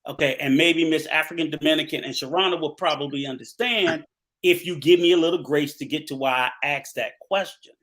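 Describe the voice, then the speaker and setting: Fairly high-voiced guy on a live call, pushing his point hard, fast then slow. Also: fairly bright tone. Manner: emphatic, argumentative, speeds up and slows down. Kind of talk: livestream discussion.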